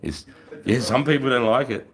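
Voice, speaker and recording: A man's voice: medium pitch, normal speed. An Australian man chatting casually on a livestream in a blokey, sweary way full of mates and bros. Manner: blokey, frequent swearing and mate-bro slang. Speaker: livestreamer, former infantry soldier.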